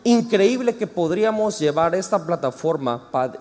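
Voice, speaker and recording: Animated Mexican preacher in a reverberant hall. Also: male voice, sits high, moderate pace, slight background noise. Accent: Mexican Spanish. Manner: animated, joking and chatty with the audience. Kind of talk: lively sermon to a congregation.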